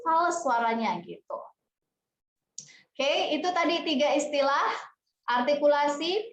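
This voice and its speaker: High-voiced woman teacher, slow and roomy. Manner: chatty, explanatory, addresses students directly. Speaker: music teacher. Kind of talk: casual classroom explanation. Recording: echoey room, dull lo-fi sound.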